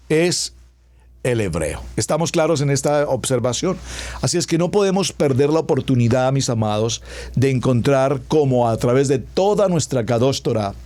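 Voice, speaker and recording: A man's voice: medium pitch, darkish tone. Man, pastor, radio sermon, emphatic, list-like phrasing, stretched-out stressed words. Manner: emphatic, stacking lists of words.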